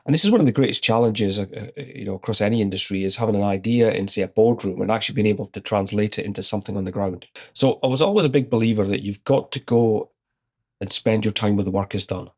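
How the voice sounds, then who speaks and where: A Scottish executive in his fifties, a guest in an interview, tells an anecdote in a relaxed way, retelling his own exchanges. His voice is on the low side and he talks fast, in a conversational storytelling style.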